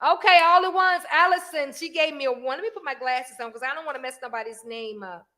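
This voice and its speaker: A woman's voice: high-pitched, fast talker, bright, forceful tone. A woman hosting a live stream, talking emphatically to viewers, reading their comments and preaching a little. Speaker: livestream host.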